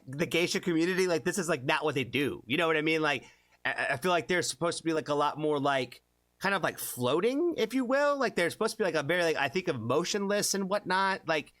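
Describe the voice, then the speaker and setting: A man's voice: fairly high pitch, sharp tone, no echo. Rambling man reacting to a music video. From born in Japan, left as an infant. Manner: rambling, lots of fillers and restarts. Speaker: music reaction channel host. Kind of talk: casual reaction commentary.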